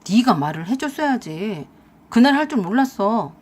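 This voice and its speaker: A woman voicing a lazy, scheming husband who whines and pleads in a lowered voice. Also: very animated, normal speed, darkish tone, slightly rough. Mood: whiny. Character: lazy, scheming husband, grown man, whiny and sly.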